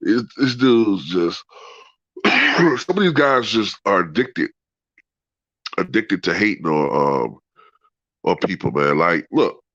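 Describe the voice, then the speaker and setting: A low-pitched man talks loosely to live viewers in a colloquial, sweary way. His nose is blocked by a cold, giving a thick, congested nasal sound. The audio is dull and lo-fi. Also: very animated, slow, pauses often, fairly bright tone. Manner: profane, colloquial, peppered with "man" and "you know". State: congested with a head cold, clearing throat. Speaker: sports talk livestream host. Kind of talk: casual rambling chat to live viewers.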